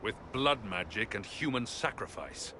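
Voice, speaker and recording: An actor playing a grim, cynical, world-weary warrior in a video game, speaking in a brooding manner. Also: male voice, on the low side, expressive, moderate pace, natural voice. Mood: bitter. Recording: clear background ambient noise.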